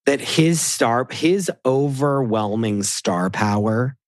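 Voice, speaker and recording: A man's voice: medium pitch, animated, takes it slowly, no echo, studio quality. A man, a podcast co-host and TV producer, chatting as a guest in a rambling, gossipy way, filling his talk with "like" and acting out other people's voices. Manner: rambling, heavy use of "like", acts out others' voices. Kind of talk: casual gossipy chat.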